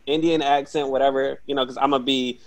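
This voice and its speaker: A man's voice: medium pitch, flat delivery, fast. A man in his twenties hosting an interview, talking in a rambling, hesitant way with many fillers. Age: 20s. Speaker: interviewer, YouTube host. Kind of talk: casual interview.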